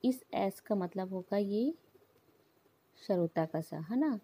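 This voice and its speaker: A woman's voice: mid-range voice, lively intonation, slow pace, dark tone, husky. A woman teaching an English pronunciation lesson to children, patiently explaining with repeated examples.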